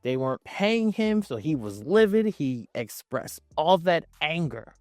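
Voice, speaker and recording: A man's voice: fairly high pitch, very animated, a little slow, a little mellow, no echo, clean studio sound, soft background music. A man hosting a countdown video with casual, opinionated commentary, speaking emphatically in slang with swearing and repeating phrases for stress. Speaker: video host ranking wrestling promos.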